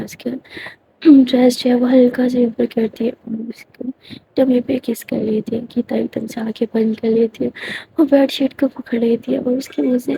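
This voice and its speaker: A woman narrating a romance story in a calm, steady storytelling manner. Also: on the high side, creaky, noisy background.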